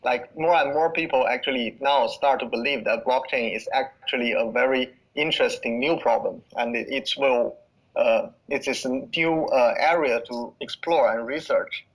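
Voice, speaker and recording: A man being interviewed over a call, speaking English as a second language, halting often and restarting his sentences with many fillers. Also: medium pitch, rough recording. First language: not English. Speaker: guest. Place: in the Netherlands.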